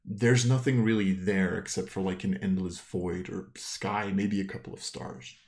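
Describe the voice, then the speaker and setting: A man's voice: sits low, fairly even intonation, moderate pace. A man improvising descriptive, conversational narration as the game master of a tabletop role-playing game.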